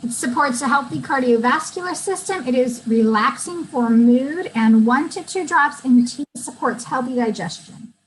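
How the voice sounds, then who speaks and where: A woman co-host with a slightly high voice reads out lists of product benefits. She drops in casual asides as she goes. There is faint noise behind her voice. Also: moderate pace, hardly any pauses, rough recording.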